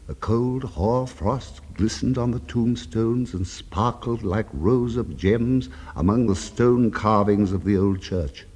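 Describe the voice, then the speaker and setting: A man's voice: fairly low pitch, a little mellow, slightly rough. A man narrating a scripted story in a dramatic, suspenseful, theatrical way. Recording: long reverberant echo.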